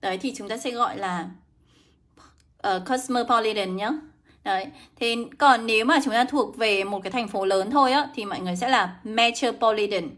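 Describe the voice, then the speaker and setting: A young woman teaching English in a live online lesson, brisk and coaxing, greeting viewers by name. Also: on the high side, fairly bright tone. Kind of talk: livestream lesson.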